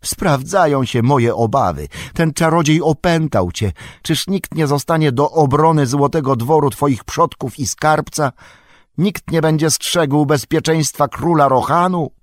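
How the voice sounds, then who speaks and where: A man's voice: fairly high pitch, a little slow, dry recording, clean studio sound, voice pushed up, natural voice. A man voicing a cringing, treacherous royal counsellor who pleads and whines in a servile, wheedling manner, in a storybook reading. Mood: alarmed.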